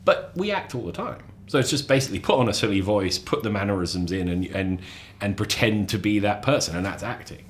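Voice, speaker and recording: Deep-voiced guy chatting on a podcast, jumps into funny voices when quoting people, bit of faint background hum. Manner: animated storyteller, acts out quotes with sudden high voices; halting restarts, repeats words. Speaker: podcast guest; lecturer. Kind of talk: casual chat.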